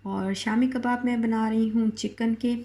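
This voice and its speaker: A woman from Pakistan with a Pakistani Urdu accent vlogs from her home kitchen, her voice a little hoarse from a sore throat. She drifts through fillers and half-finished words in an even, unvaried tone. Her timbre is mellow and dark. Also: fairly high pitch, measured pace. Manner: rambling, many fillers and restarts. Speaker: vlogger. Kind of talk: casual home vlog.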